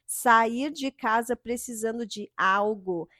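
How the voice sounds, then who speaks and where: A middle-aged woman, giving an animated spiritual talk as a yoga and spiritual teacher. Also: fairly high pitch, slow pace, dry recording, clean studio sound. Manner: animated, acts out quoted inner voices with sighing "ai".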